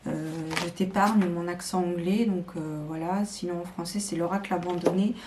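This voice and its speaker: A woman's voice: on the low side, steady tone, moderate pace, background noise. A woman showing tarot decks to camera in a casual, hesitant chat full of fillers and restarts. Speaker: tarot video creator.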